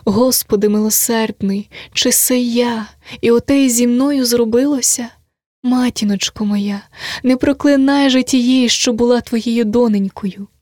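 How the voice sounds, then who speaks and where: A woman's voice: fairly high pitch, fairly even intonation, measured pace, darkish tone, no room sound, clean studio sound, natural voice. A woman voicing a desperate, heartbroken young village girl who laments and pleads on the edge of tears in an audiobook reading. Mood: pleading.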